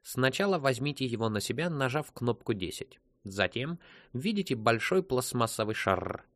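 A man voicing a polite, unhurried male ship computer that talks in a slow, measured, dutiful way. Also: medium pitch, expressive, fairly bright tone, dry recording, clean studio sound.

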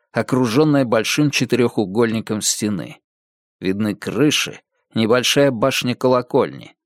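A man reading a dark first-person story as an audiobook narrator, in a measured storytelling manner. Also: medium pitch, no echo, studio quality.

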